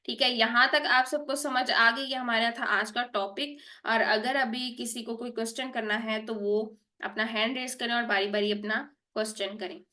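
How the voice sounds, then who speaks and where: In a steady, bright, clear voice pitched a little high, a woman patiently leads an online Quran recitation class. She checks in often with students, says "theek hai" repeatedly, and draws out each sound she models.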